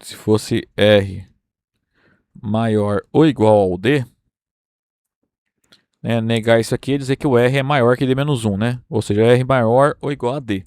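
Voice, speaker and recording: A Brazilian man lectures through a number theory proof at an unhurried pace, pausing often to check that his listeners follow. His voice sits at an ordinary middle pitch, recorded dry and close with little room sound. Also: darkish tone, clear, resonant tone, no echo. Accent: Brazilian Portuguese. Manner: explains step by step, checking in with "tá?" and "né?". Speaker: university math lecturer.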